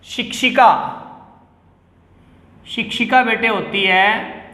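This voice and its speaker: A man teaching a Sanskrit lesson to children, slowly saying each word and repeating it for the pupils. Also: high voice, pushed and bright. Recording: echoey room with long reverb.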